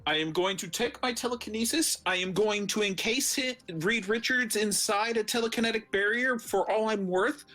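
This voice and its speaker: A man's voice: high-pitched, normal speed, few pauses, bright, forceful tone. A man chatting casually as a player in a tabletop role-playing game. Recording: background music under the voice.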